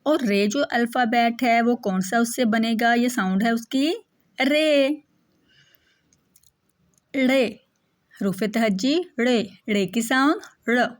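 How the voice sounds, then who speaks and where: A woman with an Urdu-speaking Pakistani accent gives a children's alphabet lesson in a slightly high voice. She speaks slowly and patiently, saying each sound twice. She poses a question and then answers it herself. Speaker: teacher.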